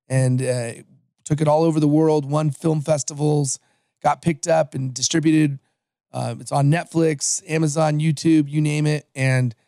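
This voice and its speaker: A man in his forties from Los Angeles, USA, speaks as a podcast guest, recounting his career in an upbeat, conversational interview with frequent restarts. His voice is fairly high-pitched with a dark tone, captured at studio quality with no room sound.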